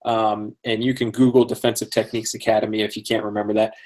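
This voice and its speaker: A man's voice: on the low side, little pitch movement, fast talker, darkish tone. A man hosting a casual interview, friendly and talkative, often laughing and using many fillers. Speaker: podcast host.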